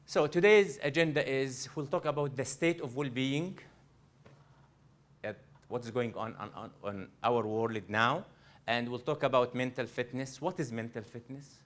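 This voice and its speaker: A measured, medium-pitched male voice belongs to a coach from Egypt running a live workshop in a library event room. He addresses the audience directly and earnestly, often starting over and repeating himself.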